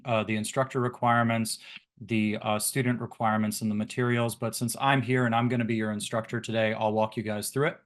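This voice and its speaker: A man leading an online teacher workshop, talking casually and addressing the group directly over a video call mic. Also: medium pitch. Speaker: instructor leading a workshop session.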